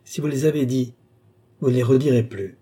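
A man reading an audiobook, voicing a cold, controlling enchanter who speaks in a measured, menacing and ironic way. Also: mid-range voice, dark tone, slightly rough, lightly acted.

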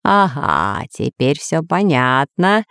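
A woman voicing a sensible male professor in a children's story, speaking lower and measured. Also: very animated, creaky, a bit bright, clean tone, dry recording, studio quality, heavily acted. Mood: calm. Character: sensible older male professor, calm and thoughtful.

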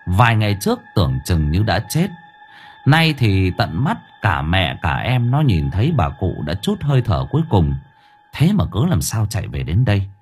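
A man narrating a horror audiobook in a dramatic, drawn-out storytelling manner. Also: on the low side, a little mellow, slightly rough. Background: faint music.

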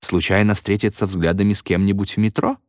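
Male reader voicing a wry deadpan dad in an audiobook, low and dry. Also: fairly quick, no echo, natural voice. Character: dry-witted middle-aged father, deadpan and wry.

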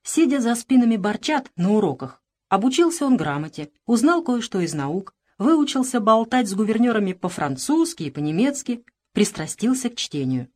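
A woman narrating a literary audiobook in an expressive, measured storytelling manner. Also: on the high side.

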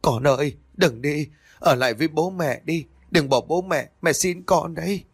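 A man's voice: mid-range voice, a little fast, natural voice. A man voicing a frantic, grieving young mother who cries and pleads in a breaking voice. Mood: sobbing, pleading. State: crying.

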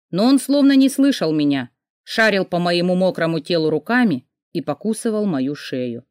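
Low-voiced woman reading a novel. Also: darkish tone, dry recording, clean studio sound. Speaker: audiobook narrator. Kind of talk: scripted first-person novel narration.

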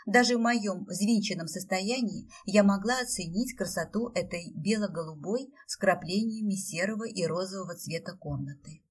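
Expressive woman audiobook narrator, husky timbre. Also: medium pitch, normal speed, hardly any pauses, far from the mic. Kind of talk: first-person fantasy audiobook narration.

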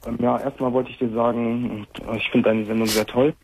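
A man's voice: medium pitch, level tone, normal speed, a little mellow, husky, rough recording. A man in his twenties calling a talk show and talking about personal matters in a plain conversational way. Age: 20s. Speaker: caller.

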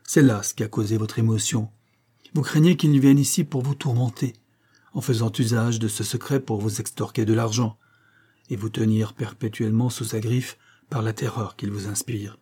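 A man's voice: fairly low pitch, steady tone, normal speed, mellow, husky. A man reading aloud, voicing a devoted husband who questions his wife in an earnest, pleading way. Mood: anxious, pleading.

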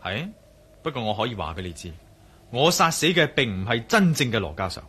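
This radio drama performance has a Hong Kong Cantonese-accented actor as a resolute, brooding male adventurer who thinks out loud with plenty of expression. The tone is firm, the pitch medium, the pace a little fast, with a breathy edge.

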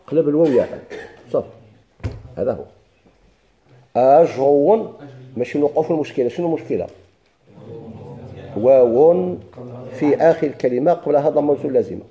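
Moroccan man teaching, very dark voice. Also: a little high, lo-fi sound. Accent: Moroccan Arabic. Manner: quizzes students, repeats questions. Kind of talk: classroom grammar lesson.

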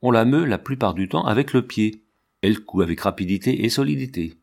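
A man narrating a storybook aloud in a measured, even reading voice. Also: lowish voice, gravelly. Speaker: audiobook reader.

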